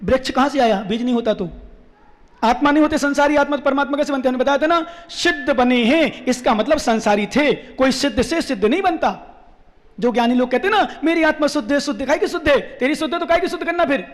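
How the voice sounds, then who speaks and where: A man, a monk, giving a quick sermon and often asking the listeners questions. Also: very high voice. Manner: quick-talking, questions the audience, teasing. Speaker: Jain monk. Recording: echoey hall.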